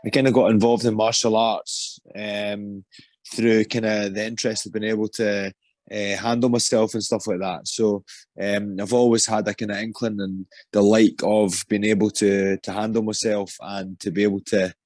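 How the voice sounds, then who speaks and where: A young Scottish man with a low voice answers interview questions in a loose, halting way, full of ums and restarts. The sound is close and dry, with no room around it. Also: flat delivery, a little mellow, no echo. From Scotland. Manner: hesitant, many ums and restarts. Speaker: interview guest, MMA fighter.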